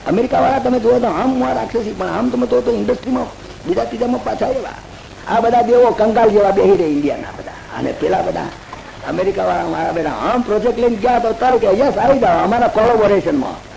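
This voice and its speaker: A man giving a religious discourse as a lively folk story, acting out the characters' lines. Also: sits high, vocal fry, reverberant, slight background noise, rough recording. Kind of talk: Bhagavata discourse retold in folksy everyday terms.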